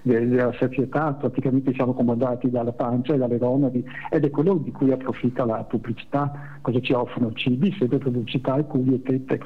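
Male phone-in guest on speakerphone, indignant, halting delivery, narrow phone-line sound, mid pitch. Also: flat delivery. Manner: indignant, stammering restarts. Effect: on speakerphone over a phone line.

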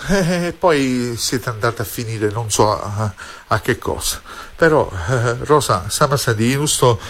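On a live call-in show, a Neapolitan-accented man acts as a fortune-telling host, speaking bluntly and insistently, drifting into dialect and repeating himself. His mid-range voice is animated, a little slow and fairly bright. Music plays behind him, with a little hiss or hum.

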